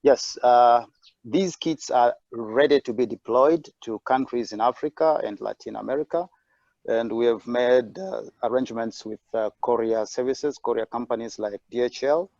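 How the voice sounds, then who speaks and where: A man's voice: mid-range voice, normal speed, darkish tone, no echo. A man speaks over an unstable video-call connection, his voice dull and lo-fi. The audio is dry with no room sound. He talks hesitantly and fills gaps with "uh" and "um". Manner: hesitant, many fillers. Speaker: webinar presenter. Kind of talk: online presentation.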